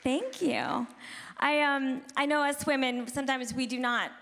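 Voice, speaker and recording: High-voiced woman comedian in a reverberant hall. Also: fairly even intonation, a little slow, creaky, fairly bright tone. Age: 40s. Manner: chatty and self-deprecating, laughing at her own jokes. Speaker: stand-up comedian. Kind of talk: stand-up comedy set. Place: women's conference hall. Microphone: handheld microphone.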